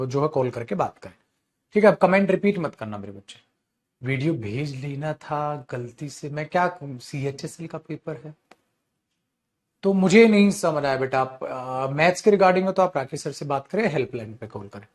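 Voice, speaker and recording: A man's voice: fairly high pitch, a little mellow. A man teaching an English grammar class online, scolding and teasing his students as he explains.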